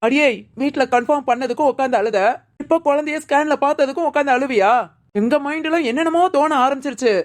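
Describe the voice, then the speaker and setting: A woman's voice: high voice, fast, natural voice. A woman playing a teasing older aunt who scolds and explains in a village family drama.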